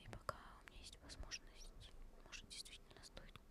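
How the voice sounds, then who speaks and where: A woman softly whispering casual, personal ASMR chat in a tender, caressing, breathy way, as host to her listeners. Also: a little fast.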